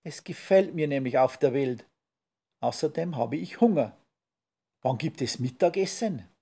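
A man voicing a cheeky, curious little skunk in a read-aloud story, in a higher voice. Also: expressive, a little slow, mellow, husky, full character voice.

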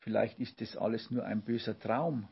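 A man's voice: on the low side, steady tone, moderate pace, creaky, husky, heavily acted. A man voicing a bewildered female creature mother, on a dull lo-fi recording. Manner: wondering, exclaiming.

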